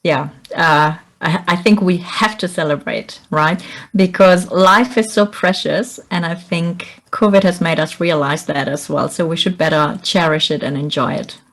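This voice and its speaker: Middle-aged woman from bolivia, lowish voice, earnest encouraging interview answers. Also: steady tone, unhurried, a bit bright. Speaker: executive coach.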